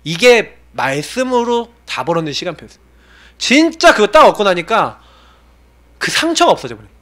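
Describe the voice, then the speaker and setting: A man in his forties, a pastor preaching a sermon with animated urging and low, confiding asides. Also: moderate pace.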